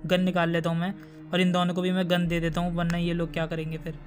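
A gaming YouTuber with a high, fairly monotone voice rattles off gameplay commentary quickly, his pitch barely moving. He chats directly with viewers and gets spooked easily, with faint music playing underneath.

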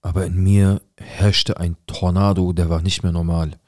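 A man's voice: sits low, flat delivery, normal speed, a little mellow, dry recording, studio quality. A man telling his own story in an intense, emotional way, acting out the dialogue as he goes. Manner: retells events with quoted dialogue, intense and heated. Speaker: guest recounting a personal experience. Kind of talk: emotional first-person account.

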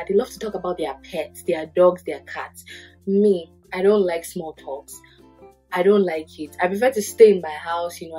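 In a lowish, husky voice with a Nigerian accent, a young woman from Nigeria gives the camera casual advice from her curtained bedroom. A podcast host and lawyer, she tells lively stories and acts out the quotes as she goes.

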